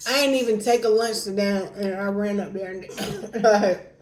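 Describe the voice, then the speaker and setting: An American woman chatting casually over a meal, telling things in colloquial, animated fashion. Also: medium pitch, normal speed. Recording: echoey room with faint background noise.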